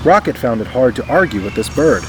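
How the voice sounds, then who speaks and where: A man reading a children's picture book aloud in expressive scripted narration. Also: medium pitch, fairly quick, background noise. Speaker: storybook reader.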